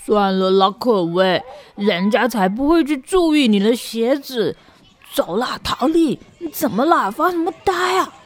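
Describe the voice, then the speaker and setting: A woman's voice: fairly high pitch, animated, a little slow. A woman playing a chatty young orphan girl who coaxes her friend along in a breezy way. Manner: breezy, coaxing.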